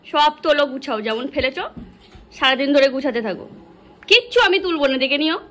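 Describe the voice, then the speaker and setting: A woman talking casually into a phone camera at home for her vlog, at times speaking softly so a sleeping child stays asleep. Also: sits high, expressive, fast talker. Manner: soft hushed talk so a sleeping child won't wake. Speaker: vlogger. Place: home room.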